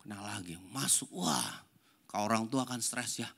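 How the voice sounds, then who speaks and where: An older man, a pastor, preaching a sermon and telling a family story, swinging between loud emphatic lines and hushed, soft passages. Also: on the low side, moderate pace, creaky.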